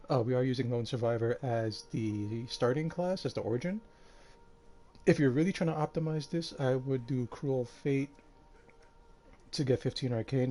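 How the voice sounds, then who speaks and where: Tired, mellow-voiced male streamer. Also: medium pitch, slight background noise. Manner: relaxed, rambling with many fillers. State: tired and out of breath. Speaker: game streamer. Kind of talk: casual live-stream commentary.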